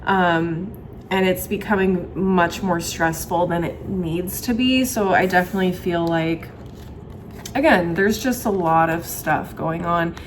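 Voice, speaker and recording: A woman's voice: fairly low pitch, a little slow, slight background noise, rough recording. A young woman hosting a casual tarot reading, talking conversationally and thinking aloud as she goes. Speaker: tarot reader and host.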